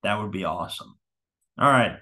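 A man's voice: fairly low pitch, moderate pace, sharp tone, breathy edge. Foul-mouthed man rambling on a podcast. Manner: profane, rambling, frank. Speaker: fantasy football podcast host. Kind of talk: casual solo podcast chat.

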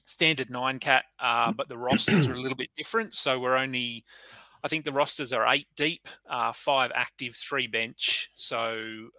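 Man, podcast host, casual chat, very bright tense tone, dry close sound. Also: mid-range voice, steady tone, moderate pace, no room sound, low-quality recording. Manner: chatty, loose, with many fillers and restarts.

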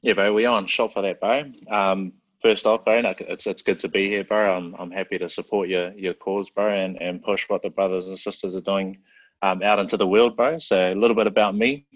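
A relaxed New Zealand man with a very low voice, talking easily as a podcast guest. He is loose and slangy and keeps saying "bro". The recording sounds dry and a bit dull. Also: fairly quick, dry recording. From South Auckland, New Zealand. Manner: laid-back, slangy, peppers every phrase with "bro". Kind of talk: casual chat.

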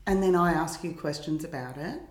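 Low-voiced teasing woman co-host. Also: brisk, reverberant. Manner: teasing, playful banter. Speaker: podcast co-host. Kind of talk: casual chat.

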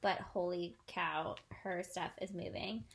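A woman's voice: lowish voice, fairly even intonation, slow, vocal fry. A young woman co-hosting a casual chat at home, telling a rambling story and laughing often. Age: young adult. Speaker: co-host. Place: at home, indoors.

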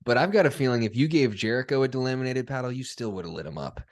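Young male host, relaxed and chatty, laughs easily, mid-pitched. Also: fast talker. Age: young adult. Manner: laid-back, laughs often, chatty with many fillers. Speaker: podcast host. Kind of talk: casual chat.

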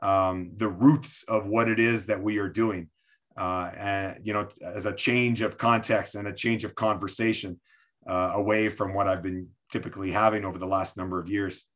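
Halting low-voiced man leading a workshop. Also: fairly even intonation, fairly bright tone. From Quebec City, Canada. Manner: hesitant, many fillers and restarts. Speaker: coaching workshop presenter. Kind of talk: online workshop talk. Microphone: video call.

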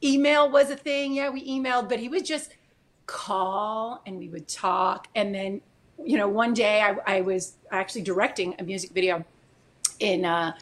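A woman from Florida, a military spouse, telling her personal story as an interview guest in an animated, emotional way with many fillers. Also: medium pitch, moderate pace.

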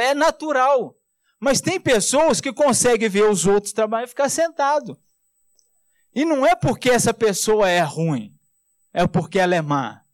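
High-voiced Brazilian pastor preaching. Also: male voice, no echo. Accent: Brazilian Portuguese. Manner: conversational preaching, rhetorical asides, frequent tag questions; slows and drops low on key words, then rises fast. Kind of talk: sermon.

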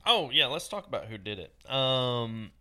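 Bright-voiced man chatting casually. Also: medium pitch, measured pace. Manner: relaxed, hesitant, many fillers. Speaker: podcast co-host. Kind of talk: casual chat.

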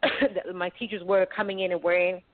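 As a guest on a call-in radio interview, an educator and writer speaks at normal speed in a lowish, level voice. The woman is from the United Kingdom, grew up in Florida, and comes across as earnest and outspoken, repeatedly restarting what she says. The recording is dry and arrives over a tinny phone line.

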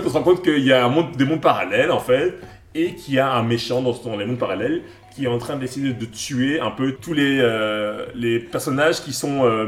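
This podcast co-host from Belgium has a mid-range voice and a roomy sound. He talks eagerly about songs and films he recommends in a casual chat, stumbling through plenty of fillers and restarts.

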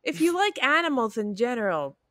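A woman's voice: fairly high pitch, very animated, fairly quick, a bit bright, no echo. A young adult woman co-hosting a podcast, chatting casually about movies, agreeing often and laughing. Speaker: podcast co-host.

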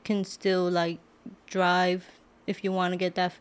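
Speaking at a measured pace in a smooth, lowish voice with a completely flat delivery, this young woman from Brooklyn, New York talks casually as a podcast guest, using "like" a lot. She's an author and medical assistant, interviewed in a podcast studio.

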